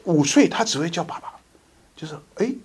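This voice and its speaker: A man preaching a conversational sermon to his congregation, slowing down to read scripture aloud. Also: a little high, expressive, slight background noise. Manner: conversational, reads scripture slowly and deliberately. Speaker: lay preacher.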